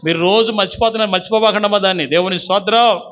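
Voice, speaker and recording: Male pastor, fervent call-and-response preacher; high, sharp delivery on a muffled lo-fi church recording. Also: fairly even intonation, very fast, slight background noise. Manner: fervent, urges congregation to repeat after him. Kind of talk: sermon. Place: church service. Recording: dull lo-fi recording.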